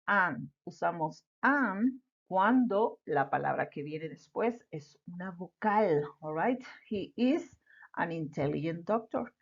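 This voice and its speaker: A woman's voice: fairly low pitch, lively intonation, slow, gravelly. A woman teaching an English lesson patiently, repeating example words and checking in with "all right?". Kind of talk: slow explanatory lesson. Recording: dull lo-fi recording.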